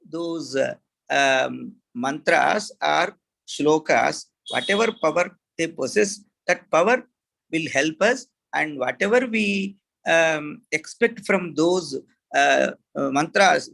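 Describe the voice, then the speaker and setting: A middle-aged man with an Indian English accent gives a Sanskrit lesson, pausing often with fillers and restarting his sentences. His voice sits a little high for a man and has a gravelly edge. He speaks very slowly throughout. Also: fairly bright tone, poor audio. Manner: slow, halting delivery with many fillers and restarts. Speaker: Sanskrit teacher. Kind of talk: online class lecture.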